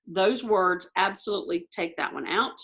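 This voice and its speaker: A woman teacher talking quickly and thinking aloud as she walks through test questions on a video call. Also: mid-range voice, a bit bright. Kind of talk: recorded online lesson.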